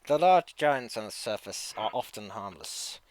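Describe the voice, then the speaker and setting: A man voicing a grave, eerie woman leader in a tabletop game, with a crackly voice and slow, formal, ominous delivery. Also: on the low side, expressive, lightly acted. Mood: foreboding.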